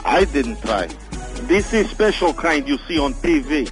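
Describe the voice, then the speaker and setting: A man voicing an earnest, deadpan salesman, broken English and w said for v. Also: on the high side, unhurried, soft background music. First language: not English. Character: earnest foreign salesman Boris with dubious products. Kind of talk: deadpan prank phone call.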